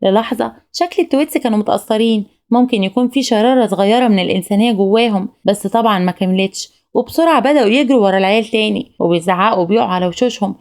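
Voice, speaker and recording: A woman with an Egyptian Arabic accent narrating a recap of an animated film in a brisk, even storytelling manner. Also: mid-range voice.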